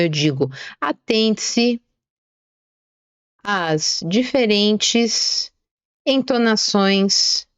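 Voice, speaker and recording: Lively-voiced woman teaching English. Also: fairly high pitch, clean tone, dry recording, muffled recording. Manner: didactic, slows down to stress key words. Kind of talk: online English lesson.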